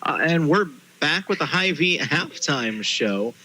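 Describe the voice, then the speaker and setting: A man hosting a live high school sports halftime show from a booth, chatting and giving promos. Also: lively intonation, measured pace, sharp tone, slight background noise, low-quality recording. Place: stadium press booth.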